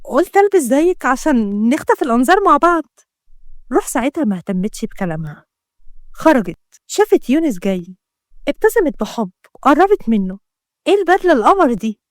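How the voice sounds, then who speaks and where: A woman with an Egyptian accent narrating a dramatic romance story in the first person, emotional and lively. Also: sits high, fairly quick, no room sound, clean studio sound.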